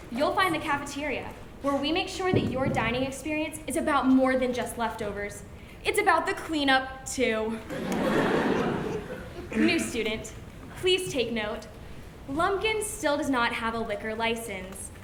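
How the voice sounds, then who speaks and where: A young woman with a high voice declaims a comic monologue. Her elocution is prim and precise, with a deadpan, mock-formal air. The recording is echoey, with clear noise behind her. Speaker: student declaimer. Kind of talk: scripted comic monologue recitation to an audience. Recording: noisy, echoey room recording.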